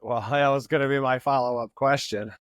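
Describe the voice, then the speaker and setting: A man's voice: mid-range voice, fairly even intonation, a little fast, no echo. A man hosting an interview, asking questions and adding brief affirming interjections. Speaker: podcast host.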